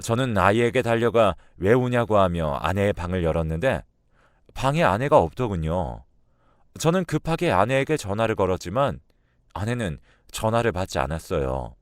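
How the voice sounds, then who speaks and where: A man's voice: on the low side, no echo, clean studio sound. A man narrating a first-person radio drama story in a scripted storytelling style.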